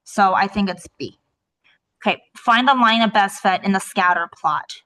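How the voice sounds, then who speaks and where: Lady math teacher walking thru a worksheet, bright clear voice, keeps asking "right?". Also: mid-range voice, normal speed, low-quality recording. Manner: checks in often with "right?"; tentative, thinks aloud while estimating. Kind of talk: explaining a worksheet step by step.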